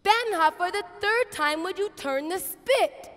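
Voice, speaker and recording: A woman's voice: extremely high pitch, expressive, measured pace, full character voice. A young woman performing a dramatic stage monologue as a bossy, harried biblical kitchen hostess, with exaggerated theatrical intonation. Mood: exasperated, pleading. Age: teens to young adult. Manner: exaggerated, theatrical intonation, swinging from hushed asides to shouts. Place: stage in a large auditorium with audience. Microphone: headset. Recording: reverberant large hall, headset mic.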